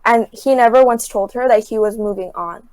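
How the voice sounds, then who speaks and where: A woman's voice: on the high side, moderate pace, a little mellow, dry recording, rough recording. A young adult woman as a podcast guest, casually retelling scenes from a show with constant filler words. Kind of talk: casual chat.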